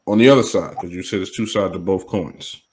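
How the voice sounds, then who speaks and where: Emphatic man, slightly low voice. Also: brisk, slightly rough, poor audio. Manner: emphatic, repeats "you know what I mean". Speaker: podcast co-host. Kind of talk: casual discussion.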